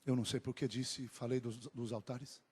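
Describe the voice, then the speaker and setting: A man preaching a sermon, moving from low, quick talk to drawn-out shouted climaxes. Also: little pitch movement, husky.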